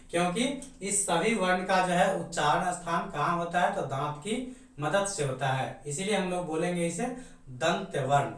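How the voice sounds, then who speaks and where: Heard from a distant mic in a strongly echoing room, a man with a high, fairly bright voice teaches grammar. He breaks the material down step by step and supplies answers to the questions he raises.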